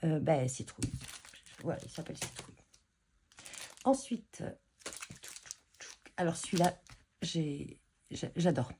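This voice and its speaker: Woman vlogger, lowish mellow voice, relaxed show-and-tell, lots of ums and restarts. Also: measured pace, pauses often, slight background noise. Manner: chatty and hesitant, many fillers and restarts. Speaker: scrapbooking vlogger showing purchases. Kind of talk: casual show-and-tell chat.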